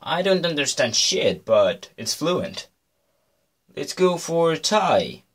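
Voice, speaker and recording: A man's voice: on the high side, big pitch swings, takes it slowly, fairly bright tone, slightly rough. Chatty young man reviewing tech. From Denmark. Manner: chatty, playful, talks to viewers. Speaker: tech YouTuber. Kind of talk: casual product review.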